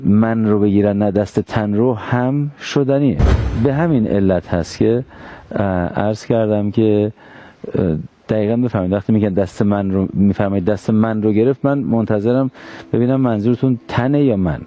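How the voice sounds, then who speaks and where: A man's voice: fairly low pitch, mellow, lo-fi sound, a little hiss or hum. A male interviewer asking probing questions, precise and insistent on exact wording.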